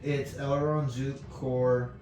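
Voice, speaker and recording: A man narrating a tabletop game casually as game master, haltingly and often checking in with his listeners. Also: medium pitch, little pitch movement, darkish tone, slight background noise. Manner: halting, checks in with "you know" and "right?". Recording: roomy, distant mic with music behind. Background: music.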